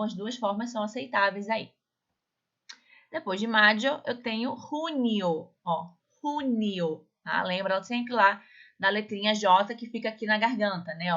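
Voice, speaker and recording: A woman teacher giving a recorded online class, patiently repeating words slowly and checking in often with her students. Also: mid-range voice, bright, forceful tone, dull audio. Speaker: Spanish teacher.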